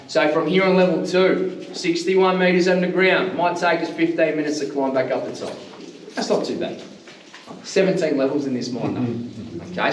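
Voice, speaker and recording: An Australian man works as a tour guide, using a loud teacher voice that is pitched a little high. His patter is informal and jokey, and it rings around an echoey underground space, picked up slightly away from the mic. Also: distant mic, slight background noise. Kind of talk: guided tour talk to a group. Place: underground mine tunnel.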